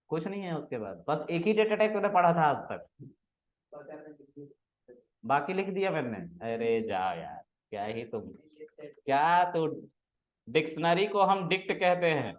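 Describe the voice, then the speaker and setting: Teasing male teacher in a lo-fi classroom. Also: on the high side. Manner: teasing, asks students questions and scolds them. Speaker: programming teacher.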